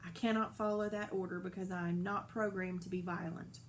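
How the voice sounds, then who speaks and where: Woman voicing a calm, polite robot. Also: lowish voice, a little fast, a little hiss or hum, lightly acted. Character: calm gentle female robot, polite and precise.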